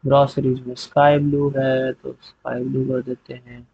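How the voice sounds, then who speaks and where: Speaking in a husky, mid-range voice with vocal fry, a man calmly walks viewers through a spreadsheet, pausing often for "okay" and saying "theek hai" again and again. The screen-recorded tutorial has no echo but sounds slightly dull and lo-fi.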